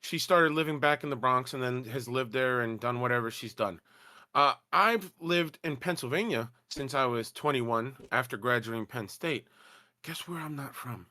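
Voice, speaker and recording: Co-host, man, from New Jersey; bright, dry, emphatic, repetitive. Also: medium pitch, moderate pace, no room sound. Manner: emphatic, repeats points for effect. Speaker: podcast co-host. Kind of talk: casual political chat.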